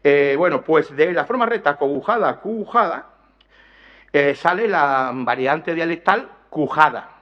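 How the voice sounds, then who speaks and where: A man with a fairly high voice gives an academic conference lecture on dialect words, explaining carefully to his audience. He restarts often, corrects himself apologetically and poses rhetorical questions. The recording sounds dull and lo-fi.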